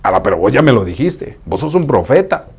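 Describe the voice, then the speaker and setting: Rey reprochón y rápido, puesto por un predicador, acento centroamericano. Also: male voice, medium pitch, big pitch swings, a little fast, darkish tone, slightly rough, pitched below the performer's own voice. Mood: reproachful.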